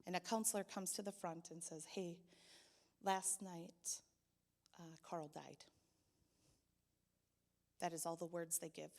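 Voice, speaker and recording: A woman's voice: fairly low pitch, fairly even intonation, slow, vocal fry, long pauses. A young adult woman sharing a personal testimony at church, telling her story and acting out the people in it. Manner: storytelling, voices quoted people, grows loud and pleading. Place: church hall. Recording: long hall reverb.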